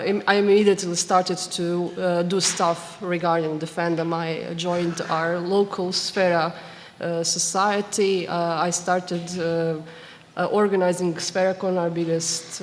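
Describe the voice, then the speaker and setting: Panelist: woman, low flat voice, halting delivery, hall reverb. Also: a little hiss or hum. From Croatia. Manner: halting, full of fillers. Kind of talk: convention panel talk. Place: convention panel room.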